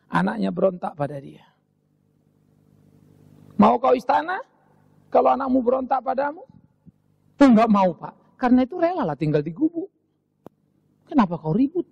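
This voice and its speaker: Man, Indonesian pastor, sermon, husky voice, dry sound, shouts and whispers. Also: extremely high pitch, no room sound, highs cut off. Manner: animated preaching, swinging from shouts to whispers.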